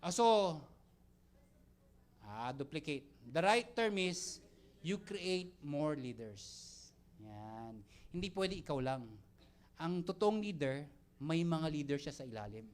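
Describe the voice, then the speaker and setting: A young man giving a lively motivational talk to a live audience, joking and quizzing the crowd as he mixes Tagalog and English. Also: on the high side, takes it slowly, long pauses. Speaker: mentor speaking to network marketing team.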